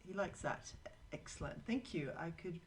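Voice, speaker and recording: Woman with a low voice doing a live drawing stream, chatty and rambly, tells little stories while sketching. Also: animated, normal speed, a little hiss or hum, low-quality recording. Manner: rambling, anecdotal, talks to viewers while working. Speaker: live drawing show host.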